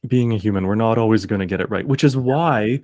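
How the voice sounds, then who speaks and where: Canadian guy, kinda low voice, earnest actor type, dry sound no room. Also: fast, darkish tone, no echo. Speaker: guest, actor and singer. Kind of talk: reflective conversational interview.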